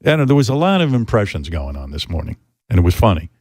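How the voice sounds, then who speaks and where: An older man hosting a radio show, ranting in an animated, profane, mock-indignant way during casual banter. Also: deep voice, quick pace.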